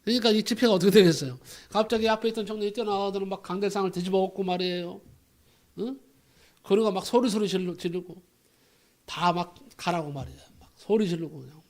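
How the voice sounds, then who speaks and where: Brief: male pastor, high-pitched, preaches with emphatic rhetorical questions. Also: fast, darkish tone. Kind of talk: sermon.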